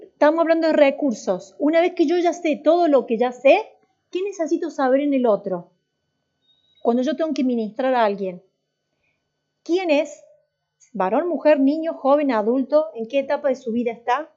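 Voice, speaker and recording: A woman with a high, mellow voice teaches a church class, talking it through casually and quizzing the students as she goes. She often breaks off and restarts her sentences. The recording sounds dull and lo-fi. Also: normal speed. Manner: conversational, asks the class questions, many restarts. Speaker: worship and voice teacher.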